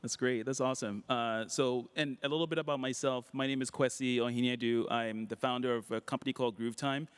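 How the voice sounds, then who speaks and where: An upbeat man moderates a panel at a conference in an easy, chatty way. His voice is smooth and resonant, sitting at a middle pitch, and he leans on fillers now and then. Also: brisk, few pauses. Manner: relaxed, upbeat, many fillers. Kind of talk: casual panel talk. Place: conference hall.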